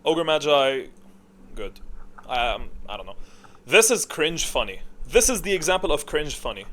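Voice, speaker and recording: Very animated and fairly high-pitched, a gamer and video creator ranks game characters at normal speed in a fairly bright voice. His commentary is casual and off the cuff, rambling while he thinks aloud and corrects himself.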